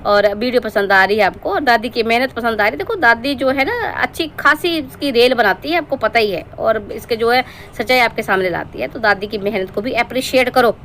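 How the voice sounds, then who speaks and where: A woman's voice: fairly high pitch, fairly quick, few pauses, fairly bright tone, slight background noise. A woman from Himachal Pradesh giving a scolding, sarcastic roast monologue as a reaction-channel commentator, lecturing her target at length.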